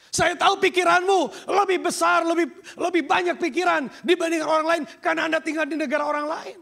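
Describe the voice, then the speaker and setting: A man's voice: very high voice, little pitch movement, fairly quick, vocal fry, bright, forceful tone. A man preaching a sermon as pastor, emphatic and dropping English phrases into his talk. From Indonesia. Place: church sanctuary.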